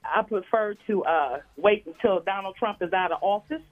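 A woman's voice: medium pitch, moderate pace. Chatty sixty-year-old woman calling in. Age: 60s. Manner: chatty, hesitant. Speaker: caller. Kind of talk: call-in radio talk. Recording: tinny phone line.

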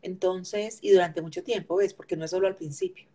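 A woman's voice: on the low side, steady tone, brisk, mellow, husky. A woman, a grief counselor, explaining in an interview and repeating phrases for emphasis.

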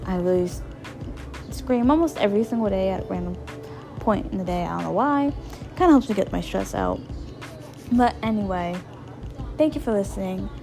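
A woman with a gravelly, slightly hoarse voice, rambling informally as she gives casual advice as a solo podcast host, repeating phrases for emphasis. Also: mid-range voice, moderate pace, pauses often, music in the background. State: hoarse, voice partly lost.

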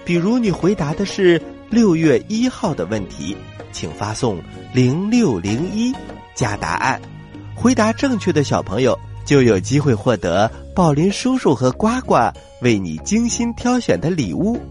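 A man's voice: a little high, wildly swooping pitch, measured pace, darkish tone. A man hosting a children's story show, telling tales in a dramatic style. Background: faint music.

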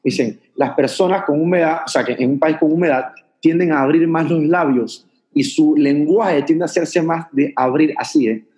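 A man's voice: a little high, normal speed, a little mellow. A man from Panama with a Panamanian Spanish accent, chatting animatedly as an actor explaining voice technique and demonstrating sounds. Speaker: actor and voice coach guest. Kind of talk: casual chat, explaining voice technique.

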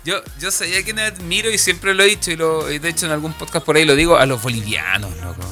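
A man's voice: a little high, lively intonation, fast talker, bright, forceful tone, faint music behind. A Chilean man co-hosting a podcast, joking and teasing in casual chat. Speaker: podcast co-host.

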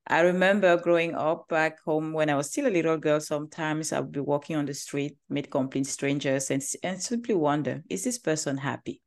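A woman from Cameroon with a Cameroonian accent, a company founder talking about her life in an interview, earnest and quick to laugh lightly. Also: low voice. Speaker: guest, agency founder. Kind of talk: interview conversation.

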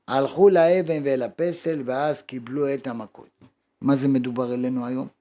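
Fervent, animated rabbi preaching a sermon. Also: male voice. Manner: dramatic storyteller, swinging from loud exclamations to hushed low tones; preaching with rhetorical questions. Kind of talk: Torah lesson sermon.

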